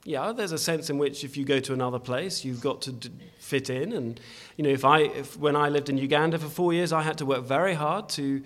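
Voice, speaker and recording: A man's voice: fairly high pitch, brisk, hardly any pauses, fairly bright tone. A man preaching a sermon in a church, earnest and emphatic, often restarting his phrases as he exhorts the congregation.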